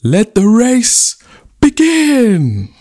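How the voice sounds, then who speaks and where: A man plays an exasperated village chief in a told folktale, his voice jumping high and loud in disbelief. He drags his words out slowly, with a gravelly rasp underneath. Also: lively intonation. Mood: proclaiming. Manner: loud, squeaky exclamations.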